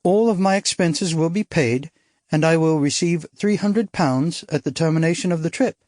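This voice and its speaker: A male audiobook narrator puts on the voice of a witty, daring young upper-class Englishwoman, an actress with an arch, theatrical wit. He pitches it high and light, with a darkish tone, teasing and quick with a line in an arch, playful mood while still sounding natural. The recording is dry and close, with no room sound.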